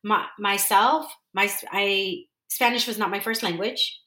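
Slightly slow and pushed bright, a medium-pitched woman's voice carries a casual solo podcast monologue recorded in a roomy space. She is the host, from San Diego, California, and she rambles earnestly while frequently correcting herself.

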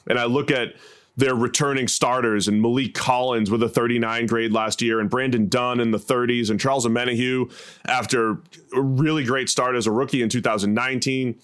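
An American man hosts a sports show in a conversational analyst style. His pitch is in the middle range for a man, and he lays out his points like someone chatting with a colleague. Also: a bit bright, clear, resonant tone. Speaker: sports podcast host.

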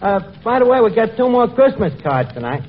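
A man's voice: high-pitched, sing-song, fairly quick, narrow, tinny audio. An actor playing a wisecracking male tavern manager who mangles his words, heard as a 1940s radio comedy broadcast. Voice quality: folksy, malaprop-prone, sly delivery. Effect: old radio broadcast sound. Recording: scratchy 1940s radio recording with live audience. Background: studio audience laughter and hiss.

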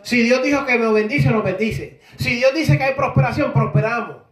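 A man preaches with a high, animated voice, slipping into the voices of figures from scripture stories. He sounds distant from the microphone, and the room echoes around him. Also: normal speed. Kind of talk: sermon.

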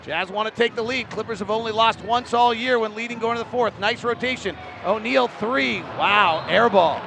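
A man doing live play-by-play for a basketball broadcast, rattling off short clipped calls and rising to shouts on big plays. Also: high voice, normal speed, creaky, background noise. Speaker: play-by-play commentator.

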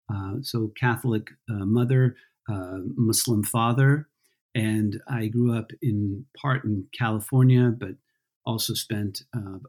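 A man from Peru, an author and historian, answering interview questions thoughtfully with frequent pauses and restarts. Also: lowish voice, a little mellow. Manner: thoughtful, many ums and restarts.

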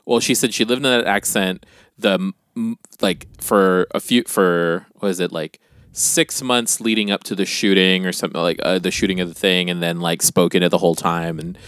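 A man's voice: low-pitched, fairly even intonation, normal speed, a bit bright, clean tone, no echo, studio quality. A man co-hosting a casual chat, a chatty storyteller who laughs and swears freely.

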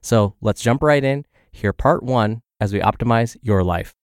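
Sick with the flu, a man who hosts a podcast sounds congested and scratchy as he narrates health and fitness blog posts aloud. He speaks at medium pitch and a little slowly.

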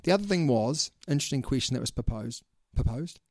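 A man's voice: mid-range voice, lively intonation, quick pace, a little mellow, dry recording, clean studio sound. A man with a New Zealand accent hosting a casual sports podcast, chatting in a slangy, teasing way. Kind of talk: casual chat.

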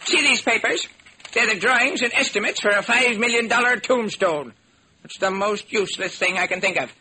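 A wicked old millionaire. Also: male voice, sits high, moderate pace, sharp tone, a little hiss or hum, voice pushed up, rough recording. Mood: scheming. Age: older. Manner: bossy, gleefully wicked. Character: eccentric old male millionaire, wicked and gruff. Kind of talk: 1940s radio acting.

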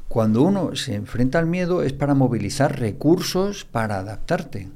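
Older guy, gravelly voice, psychiatrist lecturing on a podcast, hammers key words over and over. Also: medium pitch, lively intonation, moderate pace, dark tone. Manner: didactic, repeats key words for emphasis. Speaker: psychiatrist guest. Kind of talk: explanatory podcast interview.

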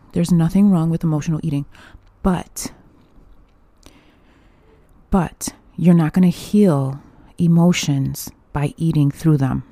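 A woman's voice: low voice, warm tone, no echo. A young woman hosting a podcast alone, talking candidly and chattily, swearing freely and laughing often. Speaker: podcast host. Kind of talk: casual solo podcast monologue.

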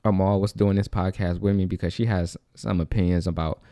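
Breathless young man, low and dark. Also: fairly even intonation, brisk, no echo, clean studio sound. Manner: rambling, repeats and restarts, says "like" and "low-key". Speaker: podcast host. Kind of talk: casual solo podcast monologue.

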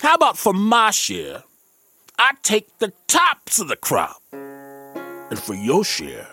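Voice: mid-range voice, huge pitch swings, slow, gravelly, pushed and bright, slightly rough, dry recording, studio quality, faint music behind, exaggerated voice. A drowsy, smug storybook bear. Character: lazy sleepy scheming male bear. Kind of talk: radio storytelling for children.

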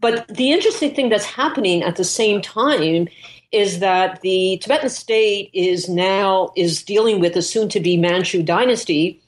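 A woman's voice: medium pitch, unhurried. A woman speaking as an interviewed scholar, explaining her subject off the cuff and thinking aloud, often correcting herself as she goes.

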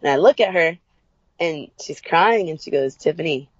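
A young adult woman as an interview guest, telling a personal story with upbeat energy and lively quoted voices. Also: moderate pace, slightly rough, dry recording, muffled recording. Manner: upbeat storyteller, acts out quotes with big pitch jumps.

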